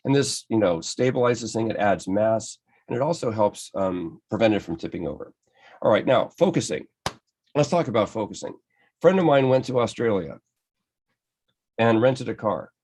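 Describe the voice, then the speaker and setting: An American man presents a photography lecture over slides, enthusiastic and conversational. His voice sits low with gravel and a husky grain. He often stops and restarts as he explains. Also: lively intonation, normal speed, darkish tone. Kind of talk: slide-based club lecture.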